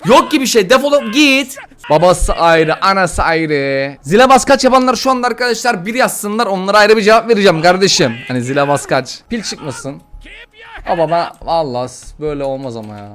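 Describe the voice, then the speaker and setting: A man with a high, light voice talks through his gameplay in quick, slangy bursts, frustration bubbling up between moves. Faint music plays under his voice. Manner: excitable, slangy, frustrated chatter. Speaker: gaming YouTuber. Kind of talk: let's-play commentary.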